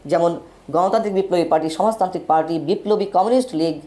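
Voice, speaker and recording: Brief: male host, solo political commentary, emphatic with wide pitch swings, rattles off lists. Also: mellow. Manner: emphatic, pitch swings widely between phrases; lists names in quick runs. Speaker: political talk show host.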